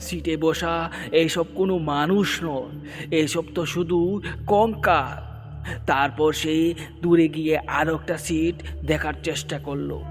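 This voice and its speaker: Slow dramatic male horror narrator. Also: fairly high pitch, steady tone. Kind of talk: scripted horror story narration. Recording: long reverb with background music.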